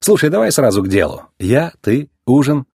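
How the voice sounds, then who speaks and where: A man's voice: mid-range voice, sing-song, moderate pace, vocal fry, a little mellow, husky, no room sound, clean studio sound, pitched above the performer's own voice, exaggerated voice. Lightning McQueen, a man voicing a cocky race car. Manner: brash, boastful, teasing.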